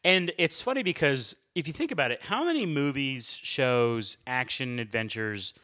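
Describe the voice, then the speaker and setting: Bright-voiced, upbeat male podcast host. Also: mid-range voice, animated, normal speed. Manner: upbeat, talkative, laughs often. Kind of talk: casual podcast chat.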